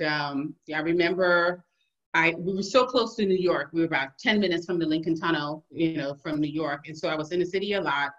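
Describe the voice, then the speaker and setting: The recording cuts off the highs on this woman's rather low voice. She's a podcast guest from Liberia, West Africa, who works as an emergency physician, and she shares stories casually and with lots of animation and laughter.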